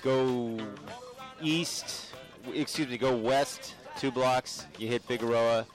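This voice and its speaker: A man's voice: medium pitch, fairly even intonation, takes it slowly. Radio host guy, loose and rambly, lots of uh's, bit of music under him. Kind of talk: casual radio chat.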